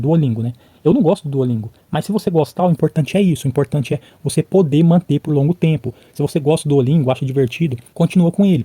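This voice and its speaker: A man's voice: on the high side, warm tone, slightly rough, no room sound. A Brazilian man talking casually to camera, sharing his own story and checking in with the viewer often. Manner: chatty, frequent "tá?" and "né?" check-ins; replays conversations by imitating both sides. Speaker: vlogger. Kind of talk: casual talk to camera about learning English.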